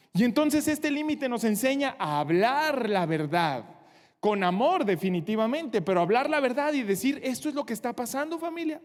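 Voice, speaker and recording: A man preaching a sermon, speaking directly to his congregation with earnest conviction. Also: extremely high pitch. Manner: earnest preaching, addressing the congregation directly, acting out short quotes. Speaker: pastor. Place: church hall. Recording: long hall reverb.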